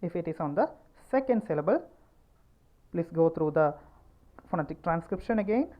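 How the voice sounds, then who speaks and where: A woman with a Malayali accent teaches pronunciation at an unhurried, careful pace, her voice sitting on the lower side. She says words over and over to show where the stress falls. The recording sounds dull and lo-fi. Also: lively intonation. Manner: slow and deliberate, repeating words to show stress. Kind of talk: pronunciation lesson.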